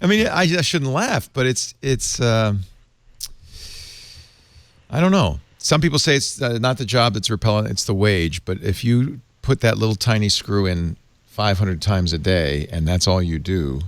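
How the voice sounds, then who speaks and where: A man hosting a casual tech panel chat, animated and quick to laugh. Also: lowish voice, no echo. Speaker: podcast host.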